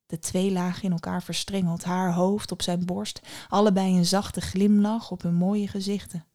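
A woman telling a fairy tale in a calm, measured way. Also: fairly low pitch. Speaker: storyteller.

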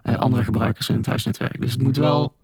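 A man whose voice has been run through a deep pitch-shift filter to keep him anonymous. The altered voice comes out flat in intonation and somewhat husky. He talks in a measured, careful way, explaining things step by step. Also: no room sound. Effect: voice disguised with a deep pitch shift. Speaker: government hacker interviewed anonymously. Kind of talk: interview answers, explaining plainly.

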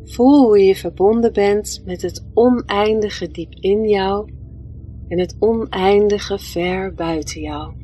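A woman narrates a guided meditation at a very unhurried pace. Her delivery is soft and gentle, with long pauses between phrases, and music plays behind her mid-pitched voice. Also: poor audio.

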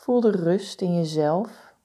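Slow, mellow woman guiding meditation. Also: lowish voice. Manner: slow, calm, soothing, deliberate instructions with pauses. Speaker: guided meditation instructor. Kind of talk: guided body-scan meditation.

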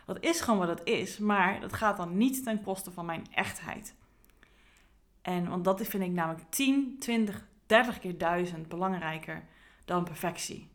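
A woman's voice: on the low side, unhurried. A woman, a career coach, talking earnestly in a reflective podcast monologue with frequent fillers and restarts.

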